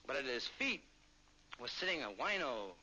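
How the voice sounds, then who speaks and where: A man in his thirties giving a free-flowing, improvised, jazzy narration, chanting scat-like rhythms and slipping into quick quoted voices. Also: medium pitch, sing-song, pushed and bright. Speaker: film narrator. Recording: dull old film soundtrack with faint hiss.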